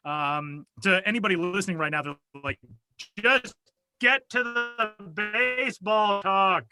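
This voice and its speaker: A podcast co-host with a high, unhurried, pushed and bright voice rambles through casual chat, joking at his own expense. He records over a video call on a home studio mic in a small soundproofed closet, smooth and echo-free, with soft background music.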